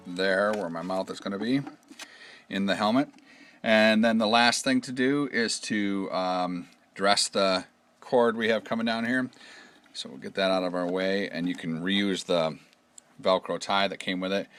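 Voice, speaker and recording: A man with a deep voice and a fairly bright tone hosts an instructional product video. He walks through it step by step in a casual, conversational, hands-on way.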